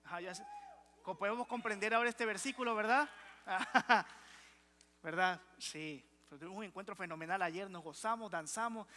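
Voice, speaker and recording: In a church sanctuary, a male pastor delivers a conversational sermon in a lively preaching style, keeping the congregation engaged by asking them questions and inviting replies. His voice sits high and moves at a moderate pace, with a slight hiss or hum in the recording.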